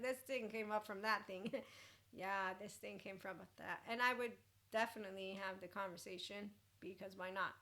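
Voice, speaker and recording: A woman with a bright, forward voice at a medium pitch gives an informal mentoring talk. She is blunt and expressive, wandering into asides as she goes. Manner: informal, blunt, swears casually. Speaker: mentor and host.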